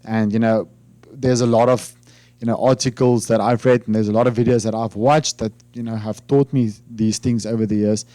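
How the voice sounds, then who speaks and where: With a lowish, dark voice and fairly even intonation, a South African man, a native Afrikaans speaker, gives an informal finance talk to camera for his YouTube channel. He speaks at a normal speed, with no echo in the sound. The talk meanders hesitantly, packed with fillers and restarts.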